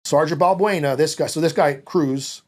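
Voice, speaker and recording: A former Marine, middle-aged, born in Italy and from the United States, guests on a podcast in a small indoor studio, recorded by a close microphone on a boom arm. His voice is fairly high-pitched and moderately paced. Telling personal stories, he stays casual, animated, blunt and profane, acting out the dialogue he quotes.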